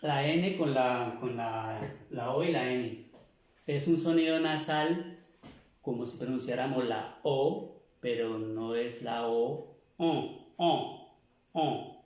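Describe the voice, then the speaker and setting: A man's voice: medium pitch, takes it slowly, darkish tone, far from the mic. A man teaching a language lesson, explaining pronunciation patiently and repeating each sound several times. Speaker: French teacher. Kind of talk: slow classroom explanation. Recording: echoey room, voice from off-mic.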